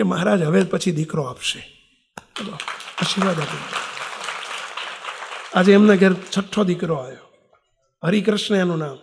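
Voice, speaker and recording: A man's voice: high voice, gravelly, a little hiss or hum. An older man, a monk, preaching a sermon and telling a story, acting out the voices of the people in it. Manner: animated storytelling, acts out quoted voices.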